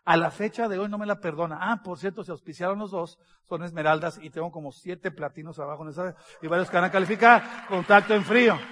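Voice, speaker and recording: A man's voice: sits high, quick pace, few pauses, a bit bright. A man, speaking as a business speaker. He tells humorous stories to an audience, acting out the dialogue and laughing along.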